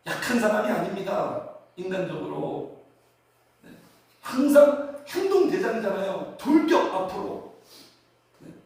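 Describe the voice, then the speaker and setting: A male pastor preaching a sermon in a church, animated and asking the congregation rhetorical questions. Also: extremely high pitch. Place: church sanctuary. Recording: very echoey hall from a distance.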